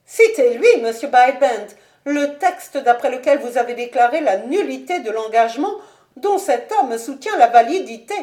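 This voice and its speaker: Imperious noble mother, high-pitched, commanding; a female narrator plays her. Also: animated, normal speed. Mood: indignant. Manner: sharp, raised, imperious. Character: haughty domineering noblewoman mother, shrill and triumphant. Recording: echoey room.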